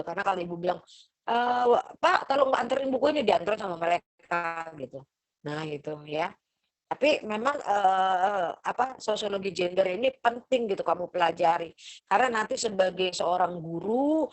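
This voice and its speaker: Middle-aged female lecturer, a touch high-pitched, warm chatty teaching over a call. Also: low-quality recording. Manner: motherly, chatty, acts out parents' lines. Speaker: university lecturer. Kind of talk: online class lecture. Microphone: video call.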